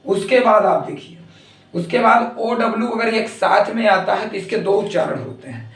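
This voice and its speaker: High-voiced man teaching, roomy distance. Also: fairly bright tone. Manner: slow, deliberate letter-by-letter explanation. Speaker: English teacher. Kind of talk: spoken Hindi lesson on English spelling.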